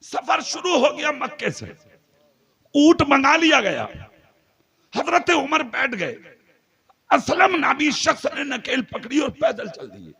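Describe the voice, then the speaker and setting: High-pitched, gravelly, fervent male preacher. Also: sing-song, slow pace, pauses often. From Moradabad, India. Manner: fervent, shouting on key lines, joking with listeners. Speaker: Islamic preacher. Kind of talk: religious sermon at a night gathering.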